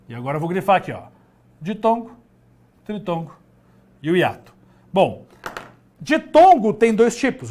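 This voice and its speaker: Man, teacher, grammar lesson, lively swinging pitch, drawn-out emphasis. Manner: animated, drawn-out emphasis on key words, talks to himself.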